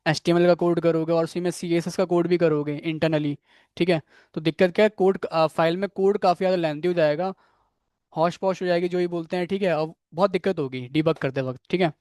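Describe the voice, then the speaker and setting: A man's voice: a little high, a little fast, a little mellow, clean tone, no echo, clean studio sound. A man giving a live coding lecture on web development. He often asks his students questions and keeps saying "ठीक है". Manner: admits struggling with a technical word. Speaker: programming instructor.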